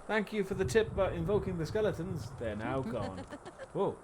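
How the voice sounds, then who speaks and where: Male game streamer, lively swinging pitch, casual and sweary reactions, clear noise and clicks behind him. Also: moderate pace. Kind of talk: casual live gameplay commentary.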